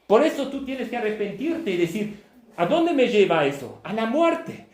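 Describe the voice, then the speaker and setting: A man's voice: high voice, sing-song, moderate pace. Emphatic preacher man. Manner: emphatic, often checking with "¿sí?", half shouting. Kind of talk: sermon. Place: church hall. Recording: echoey church room.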